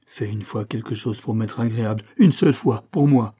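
A man's voice: fairly low pitch, completely flat delivery, brisk, breathy edge. A man reading aloud and voicing an old husband who stammers and pleads in desperation. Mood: pleading. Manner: stammering, pleading, rising to loud outbursts.

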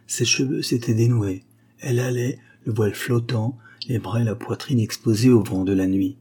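A man narrating a literary story as an audiobook, in a measured, unhurried delivery. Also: mid-range voice, warm tone, breathy edge. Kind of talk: audiobook reading.

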